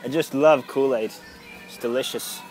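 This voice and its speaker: A young man from Estonia vlogging as he walks through a grocery store, rambling and excitable, recorded on a handheld camera. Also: medium pitch, normal speed, faint music behind, low-quality recording. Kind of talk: casual vlog narration. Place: large indoor grocery store.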